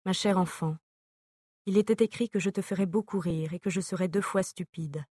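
Brief: woman audiobook reader, measured letter reading, lowish voice, dry close sound. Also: steady tone, dark tone, slightly rough, no echo. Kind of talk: reading an epistolary novel aloud.

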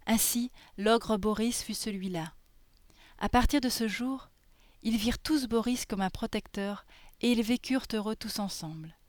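A woman reading a fairy tale aloud in a soft, gentle storytelling manner. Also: fairly high pitch, moderate pace, no echo.

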